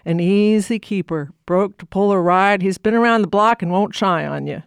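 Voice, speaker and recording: A man voicing a brash livestock auctioneer who chants numbers in a fast, rising call. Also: high voice, gravelly, clean tone, no room sound. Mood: chanting, coaxing.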